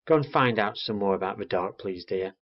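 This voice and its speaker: A man voicing a patient mother barn owl who speaks gently but firmly, close to his own low voice, on a lo-fi recording. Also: brisk, natural voice. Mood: gentle. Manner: calm, gently firm.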